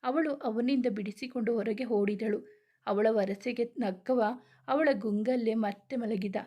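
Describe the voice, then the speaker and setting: A woman narrating a romantic audio story at an even, unhurried pace. Her voice sits a little high, and her reading stays gentle and steady.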